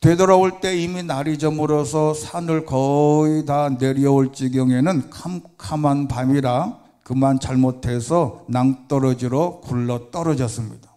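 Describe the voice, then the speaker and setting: A male pastor preaching a sermon, telling a story with vivid, animated narration. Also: on the high side, unhurried, few pauses.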